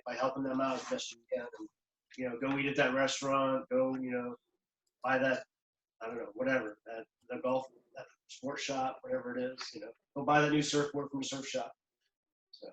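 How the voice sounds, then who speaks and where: A man's voice: medium pitch, flat delivery, normal speed, a bit bright, a little hiss or hum. A man hosting a charity video call, talking loosely with many fillers, out near the water. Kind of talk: casual closing remarks on a video call. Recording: echoey, distant from the mic.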